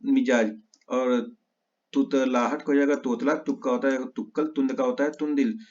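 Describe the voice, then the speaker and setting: A male teacher giving an exam-prep lesson, reciting word pairs in quick lists and correcting his own slips. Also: medium pitch, fairly even intonation, a little mellow. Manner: rapid list recitation with self-corrections. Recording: slightly dull lo-fi audio.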